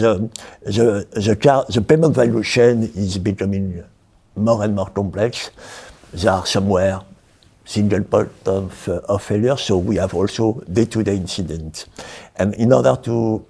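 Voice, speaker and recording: Halting man listing points. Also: sits low, a little mellow, breathy edge. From France. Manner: halting, many restarts and fillers, listing points. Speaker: payments industry executive, guest. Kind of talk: interview answers. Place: event studio.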